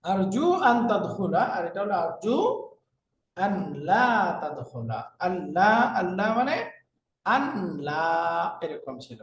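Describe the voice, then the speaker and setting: A male Arabic teacher with a Bangladeshi Bengali accent delivers a classroom lecture, slowly repeating terms and posing rhetorical questions. His voice is high with big pitch swings. The room is echoey, he's far from the mic, and there's faint noise.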